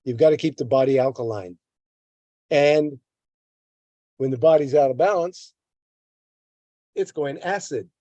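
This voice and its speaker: A health lesson from an older man who reads a text, then breaks off to rant extensively against a government agency, stumbling and repeating himself. His mid-range voice has a dark tone and a measured pace with long pauses, recorded without echo and with the highs cut off.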